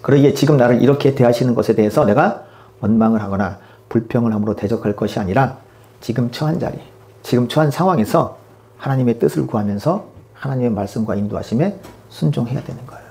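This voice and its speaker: A man's voice: mid-range voice, fast talker, vocal fry, mellow. A man preaching a sermon as pastor, emphatic and full of rhetorical questions to the congregation.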